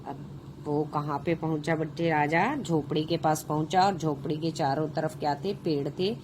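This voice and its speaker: A woman's voice: low voice, fairly even intonation, normal speed, darkish tone, a little hiss or hum, poor audio. A woman teacher reads a children's textbook story aloud. She says each sentence twice and then quizzes her pupils on it, slipping English words into her explanations. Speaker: schoolteacher.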